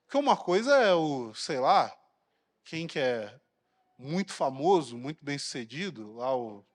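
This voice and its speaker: A man's voice: on the high side, very animated, measured pace. A man with a Brazilian Portuguese accent preaching a sermon in a blunt, colloquial, provocative way. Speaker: pastor. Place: large church hall. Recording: long reverb of a church hall.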